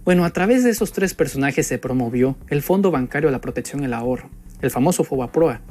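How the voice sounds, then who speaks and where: Speaking fast and expressively, this young man with a Mexican accent fires off rhetorical jabs in a sarcastic political monologue directed at an opponent. He's a commentator with a medium-pitched, slightly mellow voice. Background music runs under his speech.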